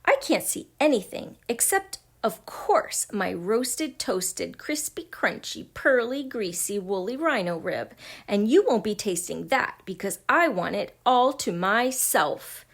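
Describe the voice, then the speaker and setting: A woman voicing a greedy, boastful caveman boy in a storybook, mocking and loud. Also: medium pitch, expressive, measured pace, creaky.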